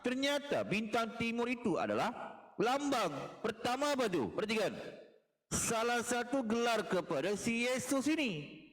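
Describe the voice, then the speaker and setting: A man's voice: extremely high pitch, sing-song, normal speed, fairly bright tone. A man delivering a mocking, taunting monologue in a lecturing tone, repeating phrases and chuckling as he jeers. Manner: mocking, jeering, with frequent chuckles. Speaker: online religious commentator.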